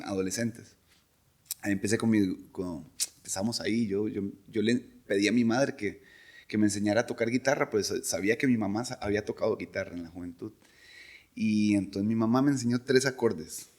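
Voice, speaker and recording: A middle-aged man with a Costa Rican accent, a podcast guest telling stories in a relaxed, rambling way with frequent chuckles. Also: lowish voice. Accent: Costa Rican Spanish. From Costa Rica. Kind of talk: casual conversational storytelling.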